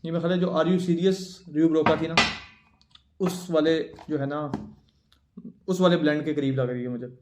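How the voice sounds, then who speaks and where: A perfume reviewer with a fairly high voice, steady tone, and long pauses chats casually at home while unboxing and sniffing perfumes, thinking aloud over each bottle. He records indoors on a phone with a plug-in USB-C mic, and the room is echoey with a noisy background.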